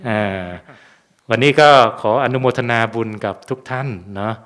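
A Buddhist monk gives a relaxed Dharma talk at a temple. He talks in an easy, conversational way and keeps checking in with rhetorical questions. His voice sits at an ordinary middle pitch for a man. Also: normal speed.

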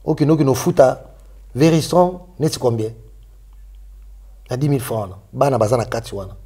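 A man in casual, animated chat, mixing French and Lingala. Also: medium pitch, moderate pace.

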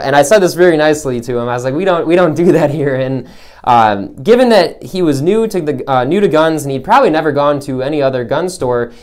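Young guy chatting to the camera, lots of uh's, kinda high voice. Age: young adult. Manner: rambling, many fillers and restarts. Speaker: gun store salesman and channel host. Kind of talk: casual vlog talk.

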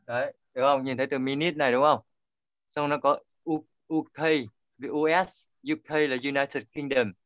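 A man's voice: mid-range voice, flat delivery, moderate pace, fairly bright tone. Man teaching online. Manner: patient, corrective, repeats key points. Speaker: English pronunciation teacher. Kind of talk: online class instruction. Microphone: video call. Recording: dull lo-fi call audio.

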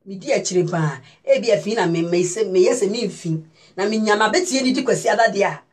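A woman's voice: medium pitch, lively intonation, fast talker, crowd noise. A woman from Ghana giving casual, emphatic news commentary and speaking directly to her viewers as a vlogger.

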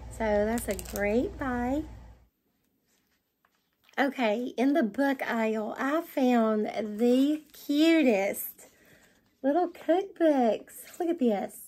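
A middle-aged woman with a Southern US accent, gushing excitedly as she shows off shopping finds to the camera at home. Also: fairly high pitch, drawn-out words. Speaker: vlogger. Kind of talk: haul video chat. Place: home dining room, indoors.

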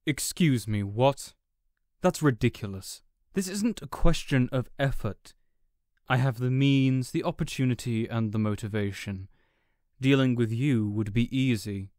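Irritated and dismissive, a man monologues theatrically as a smug, contemptuous supervillain gloating over the rival he has beaten, speaking deliberately and condescendingly in an audio roleplay. The voice is medium-pitched, a little mellow and natural, recorded dry with clean studio sound.

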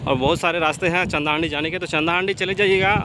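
A young man with a high, light voice talks fast while riding a motorbike down country roads as a travel vlogger. He chats casually, keeps checking in with viewers and calls them brother. Steady road and engine noise fills the outdoor recording.

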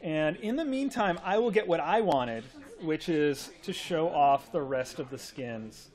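Excitable high-voiced man showing off skins. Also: measured pace. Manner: enthusiastic, laughs often. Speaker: livestream host. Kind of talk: excited game update showcase.

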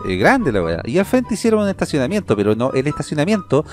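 A man's voice: on the high side, huge pitch swings, quick pace, darkish tone, faint music behind. A man with a Chilean accent, co-hosting a podcast, reading odd news items and joking about them in casual slang. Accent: Chilean Spanish. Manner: reads news items, then jokes in slang. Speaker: podcast co-host. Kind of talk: casual comedic chat.

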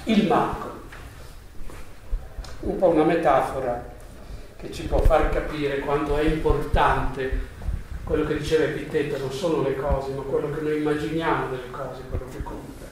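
A man giving a live psychology seminar, explaining in a slightly halting way and then reading a story aloud. His voice sits a touch high and well away from the mic. The seminar room echoes heavily, with faint noise behind him. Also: fairly even intonation, far from the mic. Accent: Italian.

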